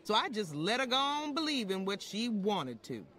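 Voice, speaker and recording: In old-time radio style, a woman plays an outspoken former maid who defiantly tells her story without apology, folksy and plainspoken, with dramatic pauses. Her mid-range voice is sing-song and fairly bright.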